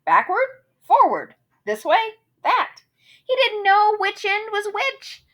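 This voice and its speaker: A woman reads a children's picture book aloud theatrically, relishing the rhymes and wordplay with dramatic emphasis. Her voice is very high-pitched, very animated, and a bit bright, and she takes it slowly.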